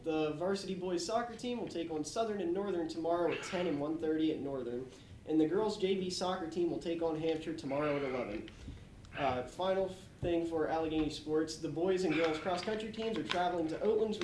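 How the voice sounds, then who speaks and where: Casting: teenage male sports announcer, high soft-edged voice, echoey room, reading scripted school news. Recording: echoey room, slight noise.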